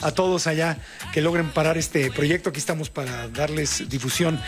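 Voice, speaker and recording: A man's voice: on the high side, fairly even intonation, normal speed, music in the background. A man from Tijuana with a Mexican Spanish accent, hosting a chatty radio news show. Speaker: radio host.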